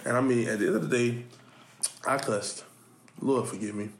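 A man with a mid-range voice speaks at a normal pace in a steady tone, co-hosting a casual podcast in an echoey room. He's a school coach who tells stories animatedly, laughing a lot and repeating words as he chats.

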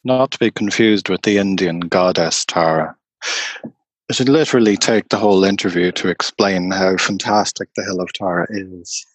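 A man, a tour guide, telling stories slowly and unhurriedly in an interview. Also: deep voice, husky, no echo. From Ireland. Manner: slow, unhurried anecdotal telling. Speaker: tour guide and storyteller guest. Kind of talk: conversational storytelling interview.

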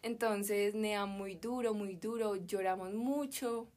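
Taking it slowly in a medium-pitched, slightly mellow voice with fairly even intonation, a young Colombian woman from Medellín chats on a podcast as a guest. Her story is emotional and full of slang.

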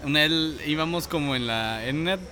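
A man's voice: a little high, fairly quick, crowd noise. A young man with a Guatemalan Spanish accent telling a story in casual chat, quoting people with laughs. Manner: relaxed, quotes others with laughs.

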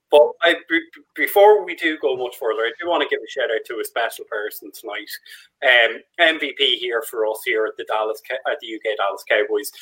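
A man's voice: mid-range voice, low-quality recording. Guy hosting a chill fan podcast, friendly, keeps tripping over his words a bit. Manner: relaxed, stumbles and restarts, friendly shout-outs. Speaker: podcast host. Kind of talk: casual fan podcast chat.

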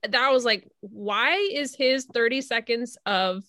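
Bright-voiced opinionated woman. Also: fairly high pitch, takes it slowly, no echo, clean studio sound. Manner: animated, opinionated, lots of "like". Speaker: podcast co-host. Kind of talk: casual chat.

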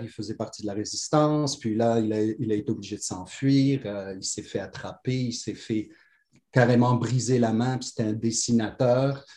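This guest, a middle-aged man with a medium-pitched voice, rambles through his life story in conversational fashion, restarting often and leaning on fillers while staying warm and animated. His accent combines French, pied-noir and Moroccan traits with a Quebec tinge, heard in a recording with a roomy echo.

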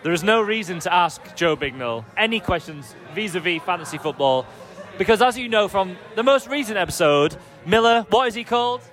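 Man, high voice, teasing host, faint music and crowd outdoors. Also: animated, brisk, fairly bright tone. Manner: teasing, hosts the questions. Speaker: quiz host. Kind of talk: casual group banter.

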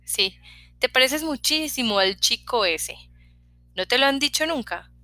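A woman's voice: high-pitched, measured pace, dry recording, voice pushed up, full character voice. A woman reading a chatty young hairdresser. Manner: talkative, prying, lively questions.

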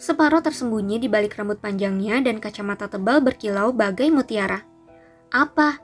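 A woman narrating a storybook audiobook in a steady, even reading voice. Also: mid-range voice, brisk, soft background music. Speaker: audiobook reader.

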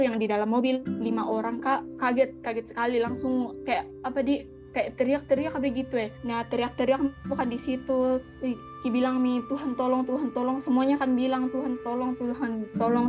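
A young woman tells a personal faith testimony in a conversational way. She repeats words for emphasis and scatters local particles through her sentences. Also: on the high side. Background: soft guitar music.

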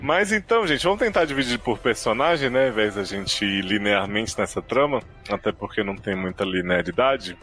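A Brazilian man hosts a relaxed podcast chat with a very expressive voice that rises and falls all the time. He laughs easily and swears without a second thought. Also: on the low side, a little fast, few pauses, soft background music. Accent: Brazilian Portuguese. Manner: animated, laughs often, swears casually. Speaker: podcast host. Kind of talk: casual panel chat.

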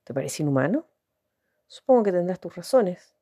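Female reader as a quiet puzzled young man, mellow low tone, brief questions, storybook reading. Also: big pitch swings, moderate pace.

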